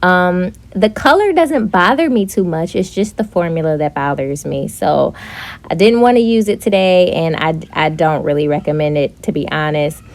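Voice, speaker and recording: A young woman narrating a casual makeup tutorial, chatty and relaxed, with frequent fillers. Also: lowish voice, moderate pace. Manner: chatty, with frequent ums and likes. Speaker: beauty vlogger.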